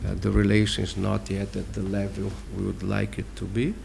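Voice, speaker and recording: A man with a Brazilian accent answering interview questions as a diplomat, explaining deliberately and emphatically with pauses. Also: fairly low pitch, completely flat delivery, creaky, darkish tone, slight background noise. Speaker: ambassador giving an interview.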